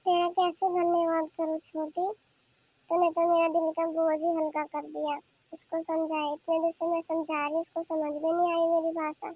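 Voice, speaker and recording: A weary cartoon mother complains in a plaintive, high voice, as a woman voices her. The recording is dry and close-miked. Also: completely flat delivery, normal speed, no room sound, phone-quality sound. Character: weary mother longing to visit her parents. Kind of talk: cartoon voice acting.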